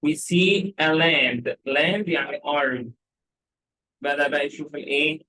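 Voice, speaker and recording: A man with an Egyptian Arabic accent, teaching English by reading a simple story aloud. His voice sits a little high, and his overall delivery is slow and unhurried. He asks the listener short questions again and again to check that each word has landed. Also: sharp tone, low-quality recording. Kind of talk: explaining a story for English learners.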